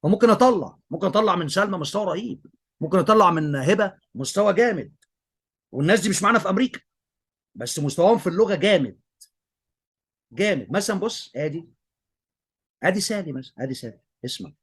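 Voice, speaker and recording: A man's voice: sits high, lively intonation, quick pace, pauses often, fairly bright tone, slightly rough. A man with an Egyptian Arabic accent, an English teacher giving emphatic commentary and repeating his praise of a student.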